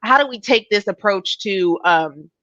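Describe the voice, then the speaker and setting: A woman hosts a live online show in a casual, hype-driven way, cheering her guest on and sometimes exclaiming loudly. Her voice is bright and middle in pitch. The sound is dry and a little dull, as on a video call. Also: animated, unhurried, no room sound. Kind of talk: casual interview chat.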